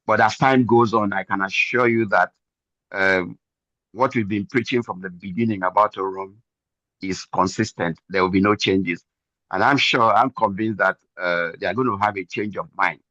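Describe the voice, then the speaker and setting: A man's voice: fairly low pitch, normal speed, pushed and bright, dry recording, highs cut off. Earnest older man testifying. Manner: earnest, preachy, repeats phrases for emphasis. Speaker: member giving a testimony. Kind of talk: motivational testimony.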